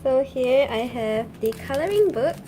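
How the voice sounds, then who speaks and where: A young woman chatting casually through an unboxing, often gushing with fan excitement. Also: sits high, unhurried, noisy background. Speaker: unboxing vlogger.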